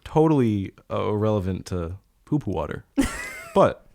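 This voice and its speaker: Brief: easygoing podcast host with an animated, expressive voice. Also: deep voice, normal speed, gravelly, dry recording, clean studio sound. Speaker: podcast interviewer. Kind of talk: casual interview questions.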